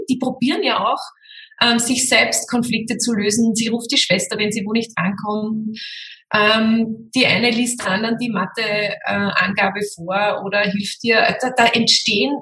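A woman's voice: a little high, a bit bright. A woman, a mother talking as a guest in a casual conversation, reflective and thinking aloud with frequent restarts. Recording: roomy, distant from mic.

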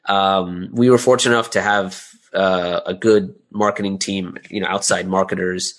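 Steady in tone, low and a bit bright, the audio drama creator talks at a moderate pace. The business owner handles the interview casually, thinking aloud and repeating himself to explain his points.

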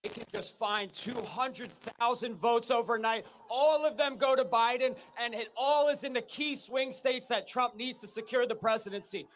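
A man giving an emphatic rally speech, shouting out his key lines to a crowd. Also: very high-pitched, moderate pace, few pauses, slight background noise, rough recording. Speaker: rally speaker, protest organizer.

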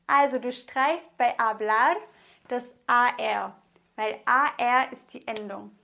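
A woman's voice: a little high, takes it slowly, gravelly, pushed and bright. A woman teaching a grammar lesson in a patient, encouraging way, spelling things out and repeating. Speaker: language teacher.

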